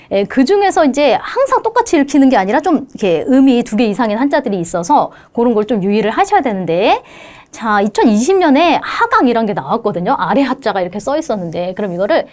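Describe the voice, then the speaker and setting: Female instructor, exam-prep lecture; fairly high voice, swoops a lot, coaxing and engaging. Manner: lively, coaxing, checks in with "그쵸?". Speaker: Japanese language instructor.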